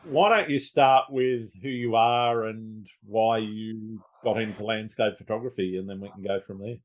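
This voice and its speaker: A man hosts a podcast, reading a steady intro and then chatting with a guest, saying "uh" often. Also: on the low side, moderate pace, muffled recording. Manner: friendly, steady, says "uh" often. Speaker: podcast host.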